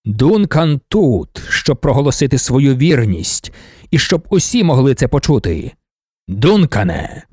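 A man voicing an ancient, commanding male god-emperor for an audiobook, speaking slowly and ceremonially. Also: very animated, a little mellow, breathy edge, dry recording, clean studio sound. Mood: solemn. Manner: slow, booming, ceremonial pronouncements. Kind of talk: audiobook narration.

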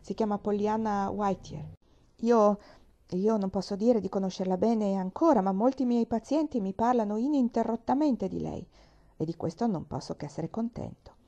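A woman reading aloud, voicing a kindly male country doctor who speaks calmly and reassuringly. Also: mid-range voice, moderate pace, highs cut off, close to an everyday voice. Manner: calm, reassuring, unruffled.

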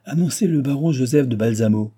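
A man's voice: mid-range voice, brisk, dark tone, slightly rough, pitched above the performer's own voice, close to an everyday voice. A man voicing a bold, self-assured noble traveler who talks in a confident, commanding and slightly mocking way.

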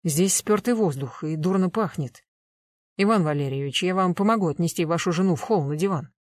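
A reader voicing a calm, practical man who takes charge, speaking matter-of-factly in audiobook dialogue. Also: high-pitched, a little fast, no room sound, clean studio sound, natural voice.

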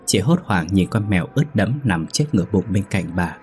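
A man narrating a ghost story in a steady, brisk storytelling manner. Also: sits low, a little hiss or hum. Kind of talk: scripted horror story narration.

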